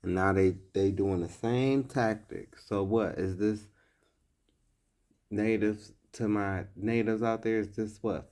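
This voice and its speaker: A man vlogger gives blunt, emphatic commentary in an unhurried, deliberate manner, his voice sitting somewhat low and a little mellow. He reads old scripture passages, then explains them in plain, direct talk.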